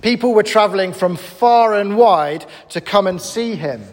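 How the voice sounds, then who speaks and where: A man preaching a sermon in an animated, conversational and emphatic way. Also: sits high, a little slow, long reverb tail.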